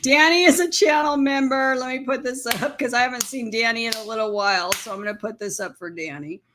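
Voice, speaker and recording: A woman's voice: fairly high pitch, a little fast, noisy background. A woman hosting a casual livestream, chatting and laughing often as she talks to her viewers. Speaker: livestream co-host. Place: van.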